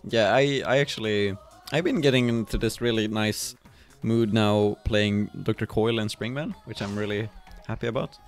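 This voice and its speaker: A man casting a fighting game tournament in a relaxed, chatty way, with many fillers and frequent chuckles. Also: fairly low pitch, normal speed. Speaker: esports caster. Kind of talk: casual game commentary. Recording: music playing behind.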